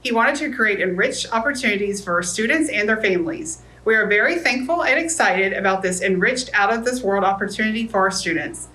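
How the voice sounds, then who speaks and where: A woman's voice: mid-range voice, lively intonation, a little fast, hardly any pauses, pushed and bright, poor audio. A woman, a school principal, delivering a formal prepared welcome speech.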